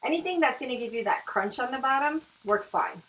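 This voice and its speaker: A woman's voice: sits high, animated, a little fast, a bit bright, low-quality recording. A woman hosting her own cooking video, chatting enthusiastically to viewers as she cooks and tastes. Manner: chatty, enthusiastic, keeps addressing viewers as guys. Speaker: cooking channel host. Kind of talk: casual cooking demonstration.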